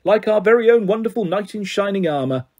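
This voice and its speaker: A man voicing a well-spoken gentleman who speaks formally and splutters with indignation. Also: high-pitched, expressive, brisk, pitched above the performer's own voice. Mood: indignant.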